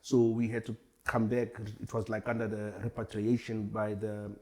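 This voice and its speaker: A man's voice: lowish voice, level tone, normal speed, dark tone. A man in his forties from Tanzania, a hip hop artist chatting as a guest in a casual interview, laid-back and rambling. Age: 40s.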